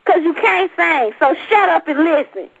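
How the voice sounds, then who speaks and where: A woman's voice: very high voice, expressive, normal speed, gravelly. A woman bantering casually on a call-in show in a brash, sassy, joking way. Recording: dull, noisy lo-fi audio.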